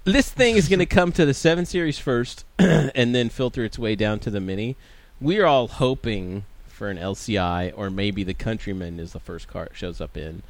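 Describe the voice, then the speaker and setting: A man's voice: lowish voice, moderate pace, hardly any pauses. A man chatting casually as a podcast host, his speech slightly slurred by a swollen tongue. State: swollen tongue, as after the dentist. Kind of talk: casual chat.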